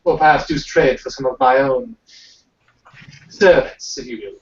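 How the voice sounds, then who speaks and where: A man voicing a wealthy, pompous male merchant with a put-on British accent, haggling in a smooth, courteous way. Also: mid-range voice, unhurried, lightly acted. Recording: roomy, distant, dull amateur recording.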